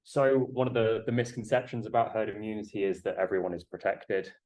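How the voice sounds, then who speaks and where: Low-voiced male lecturer speaking through a face mask. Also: brisk, darkish tone, rough recording. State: has a cold. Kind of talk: classroom lecture with questions to students. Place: classroom.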